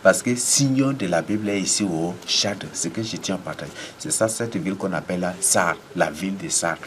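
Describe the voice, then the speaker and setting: A man's voice: low-pitched, moderate pace, background noise. A man, preaching and praying with commanding, repetitive declarations and sudden emphatic rises. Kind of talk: deliverance prayer and preaching.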